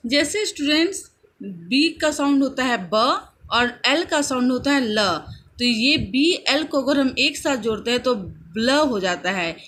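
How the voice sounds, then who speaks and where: A woman teaching children phonics in a mix of Hindi and English, slowly sounding out and repeating each word. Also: sits high, lively intonation, fairly bright tone, slight background noise. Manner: slow, drawn-out repetition of sounds and words.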